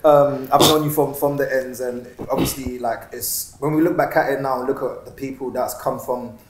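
Hosting a casual podcast interview, a man asks long, looping questions and repeats words. He speaks at normal speed with a medium-pitched, fairly even voice, in a roomy studio with faint hiss.

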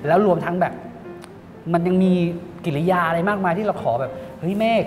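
A man who directs a series, chatting in an interview and telling lively behind-the-scenes stories. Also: high-pitched, a little fast. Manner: animated storytelling, acts out quotes. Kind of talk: casual interview chat. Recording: reverberant studio with background music.

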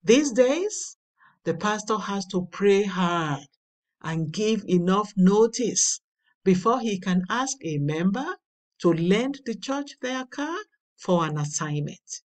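A woman reads a daily devotional and its scripture at an unhurried pace. Her voice swings widely in pitch and swells for emphasis. She sits a little back from the microphone. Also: animated, distant mic. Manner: slow, deliberate reading with emphatic swells. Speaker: devotional reader. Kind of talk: slow read devotional with scripture.

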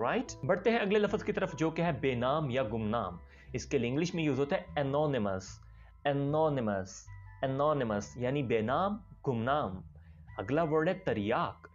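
A man teaching English vocabulary, repeating each word slowly and checking in with "right?". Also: mid-range voice, muffled recording. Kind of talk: vocabulary lesson.

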